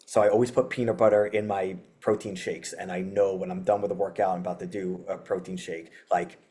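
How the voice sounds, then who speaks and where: A low-pitched, warm male voice with a level tone, speaking a little fast. He's a metal band frontman appearing as a podcast guest in a casual interview chat, rambling, laughing, and using lots of filler words.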